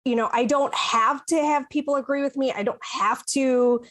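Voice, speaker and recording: A woman from Chicago talking as a panelist in a casual, thoughtful podcast discussion, pausing to search for her words. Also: high-pitched, fairly even intonation, fairly bright tone. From Chicago, USA.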